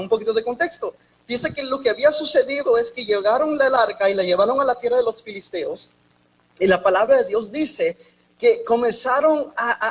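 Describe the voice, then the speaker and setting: A woman preaching a sermon in a halting way, often repeating and restarting words, with joking asides. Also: fairly high pitch, a little hiss or hum, rough recording.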